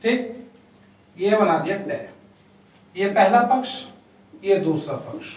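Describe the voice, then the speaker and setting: A man's voice: sits high, expressive, takes it slowly, a little mellow. A man teaching a shorthand lesson step by step, counting out strokes and answering his own questions. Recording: very echoey room, voice far from mic.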